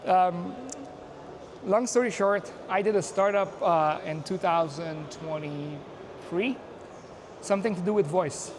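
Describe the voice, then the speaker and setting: A man from Afghanistan vlogging outdoors at a busy conference on a handheld mic, chatting casually and narrating what he does. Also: high voice. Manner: chatty, self-narrating, quick asides and laughs. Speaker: YouTuber and software engineer. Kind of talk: casual on-the-street vlog chat. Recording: noisy outdoor ambience.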